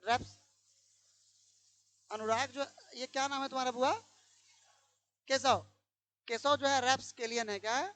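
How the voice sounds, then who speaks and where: High-voiced woman teaching a class. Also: steady tone, measured pace, long pauses, fairly bright tone. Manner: quizzing pupils, repeating questions. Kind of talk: classroom grammar lesson.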